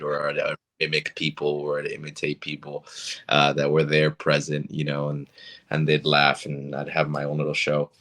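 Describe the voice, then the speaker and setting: Very deep, flat-voiced man from Argentina. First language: Spanish. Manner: relaxed, storytelling, many fillers. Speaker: actor, interview guest. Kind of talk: casual interview.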